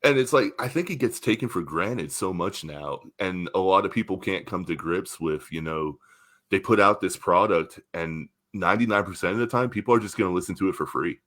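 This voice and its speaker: A man's voice: low voice, fairly quick, a bit bright. A man in his thirties hosting a podcast, easygoing and chatty, full of "like" and the odd swear. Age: 30s. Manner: easygoing, filler-heavy, swears. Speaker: podcast host, musician. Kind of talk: casual podcast chat.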